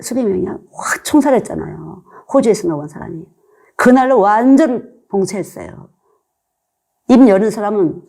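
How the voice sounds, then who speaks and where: A woman's voice: medium pitch, vocal fry, warm tone. An older woman preaching a sermon as a missionary, earnest and conversational, asking her listeners rhetorical questions.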